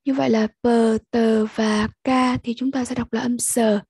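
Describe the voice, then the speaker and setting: A young woman with a Vietnamese accent walks pupils through an English test at an unhurried pace. Her voice sits high but sounds soft and mellow. It is very husky and breathy, and the recording is close and dry. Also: flat delivery, no echo. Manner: slow, patient, repeats sounds for pupils. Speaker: English teacher. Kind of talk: online lesson walkthrough.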